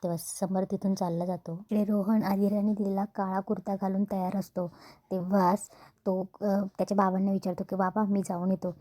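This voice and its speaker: A woman retelling a TV serial episode in a steady, plain narration. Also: mid-range voice, fairly quick, dry recording.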